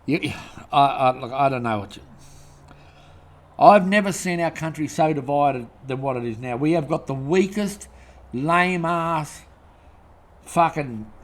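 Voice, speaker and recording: An Australian man hosting his own show, ranting angrily and rambling, swearing constantly. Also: a little high. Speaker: host. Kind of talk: profane rant to camera.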